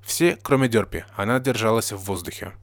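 A man reading a fan story aloud in a plain, steady narrating voice. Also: lowish voice, a little fast, no room sound. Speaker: story reader.

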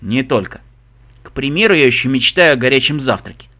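A lazy stallion spy drawls ironic teasing in a bright, lively voice, as a male narrator puts him on. He sounds unbothered and mischievous. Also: mid-range voice, brisk, voice pushed down. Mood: sleepy. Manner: drowsy, ironic.

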